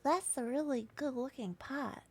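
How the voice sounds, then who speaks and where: Tiny talking fungus played by a woman, high little voice, eager, childishly quarrelsome, tabletop fantasy game. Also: unhurried, a little mellow, husky, exaggerated voice. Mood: eager, admiring. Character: tiny eager talking mushrooms, bickering over a pot.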